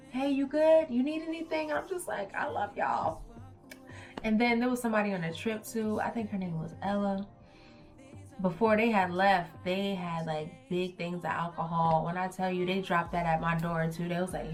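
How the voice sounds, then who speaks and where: Young woman vlogger, chatty storytime, lower voice, faint music underneath. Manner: animated, slangy, acts out quotes. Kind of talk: casual storytime vlog.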